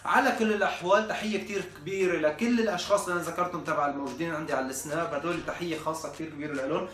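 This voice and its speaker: A man's voice: on the high side, very fast, fairly bright tone, distant mic, a little hiss or hum. A man with a Syrian accent in a joking, mock-exasperated comedic rant. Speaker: comedy vlogger. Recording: echoey room, off-mic, faint music.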